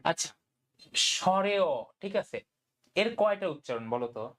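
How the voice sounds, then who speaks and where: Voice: mid-range voice, animated, moderate pace. Tutor checking in with "okay?". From Bangladesh. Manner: keeps asking "okay?", mixes in English words. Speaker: admission test tutor. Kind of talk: online Bangla grammar lecture.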